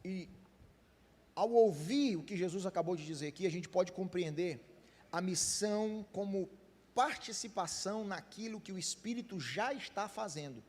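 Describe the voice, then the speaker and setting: A man's voice: high-pitched, moderate pace, a little mellow. A man with a Brazilian Portuguese accent, a pastor preaching a sermon, speaking straight to the congregation with questions and acted-out dialogue. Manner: addresses the congregation directly with questions; conversational preaching with quoted dialogue. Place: church hall. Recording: long hall reverb.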